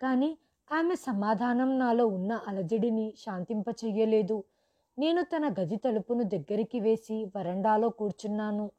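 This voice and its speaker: A woman's voice: a little high, warm tone, muffled recording. A woman reading a first-person story as scripted narration, dramatic, raising her voice for quoted lines.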